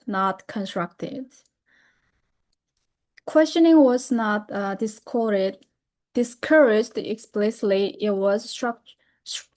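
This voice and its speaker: A young woman from North Korea, a native Korean speaker, gives a webinar talk in English, careful and halting with many fillers and self-corrections. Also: medium pitch, darkish tone. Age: young adult. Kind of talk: presentation over a video call.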